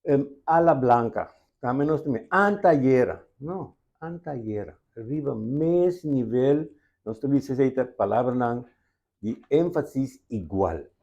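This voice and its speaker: A man's voice: medium pitch, takes it slowly, warm tone, muffled recording. A man with a Curaçaoan accent, a language expert patiently explaining spelling rules step by step in an interview.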